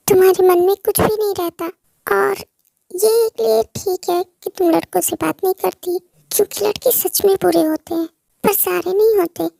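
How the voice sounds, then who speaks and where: A high-voiced performer playing a gentle, caring young man who talks softly and reassuringly in a fan-dubbed romance drama. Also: creaky, no echo, full character voice. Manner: soft reassuring talk.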